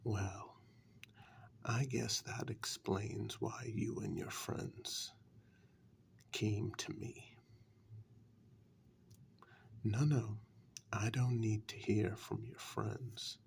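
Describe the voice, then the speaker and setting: In a soft-spoken ASMR fantasy role-play, a man voices an ancient, powerful warlock in a low, gravelly half-whisper. He's calm, probing, menacing and condescending, heavily acted with long deliberate pauses, and there's a slight hiss or hum.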